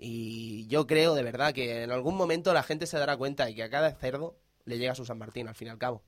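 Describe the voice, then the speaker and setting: A man hosting a podcast about retro games, chatting in a relaxed way that often trails off. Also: mid-range voice, brisk, no room sound, clean studio sound. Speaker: podcast host. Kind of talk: casual podcast chat.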